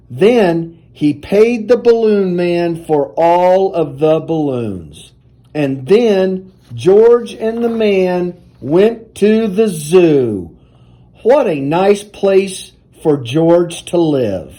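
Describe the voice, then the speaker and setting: The high-voiced male reader works through a children's picture book with spirited, unhurried storytelling.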